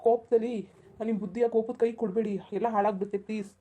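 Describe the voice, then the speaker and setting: A woman's voice: on the high side, fairly even intonation, rapid-fire, dark tone, dull audio, close to an everyday voice. A woman voicing a flustered, polite young married man in a cartoon, pleading with someone to stop. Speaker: cartoon character. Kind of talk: Kannada cartoon voice acting.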